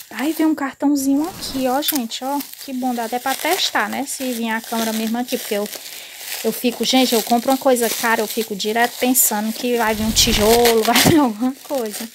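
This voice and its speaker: A woman, chatting excitedly as she unboxes something in a casual home vlog on her phone, often dropping to a murmur. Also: on the high side, background noise. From Northeast Brazil. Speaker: vlogger. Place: indoors, on a bed at home. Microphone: phone camera.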